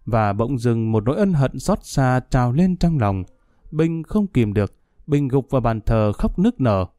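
A man narrating a story in a calm, steady storytelling voice, speeding up a little in the dialogue. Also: mid-range voice, measured pace, dry recording, studio quality. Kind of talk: audiobook narration.

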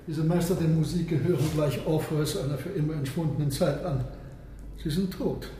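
An actor playing a proud, world-weary submarine captain in a radio play, speaking formally and with grand declamation. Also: male voice, a little high, moderate pace, warm tone, natural voice. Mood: bitter, melancholy. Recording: echoey room, background noise.

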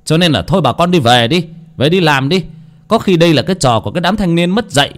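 A man's voice: on the low side, sing-song, normal speed. A man voicing a stern older village chief who scolds and lectures the villagers with authority. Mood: lecturing.

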